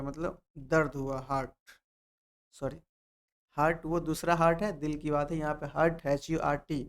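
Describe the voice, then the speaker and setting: A man's voice: fairly high pitch, clear, resonant tone. A man teaches English word meanings, repeating each word and spelling it out letter by letter. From Bihar, India. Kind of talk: vocabulary lesson.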